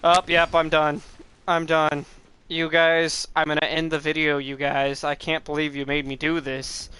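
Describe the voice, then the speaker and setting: A young man rambling through live gameplay commentary as a streamer, excitable and swearing at the game. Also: fairly high pitch, unhurried, clear, resonant tone, no room sound. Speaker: gaming streamer.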